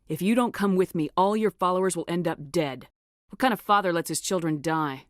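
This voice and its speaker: A woman's voice: medium pitch, no echo, clean studio sound, close to an everyday voice. An actress playing a resolute female military commander in a video game, with a firm, controlled delivery and an authoritative, blunt manner. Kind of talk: video game voice acting, dramatic dialogue.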